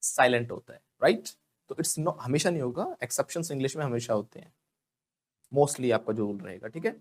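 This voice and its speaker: A man's voice: mid-range voice, lively intonation, brisk. A man with an Indian accent, a native Hindi speaker, teaching spoken English in a classroom and repeating words over and over for the class to copy. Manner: drills words by repetition, often asks the class to repeat. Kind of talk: classroom pronunciation lesson.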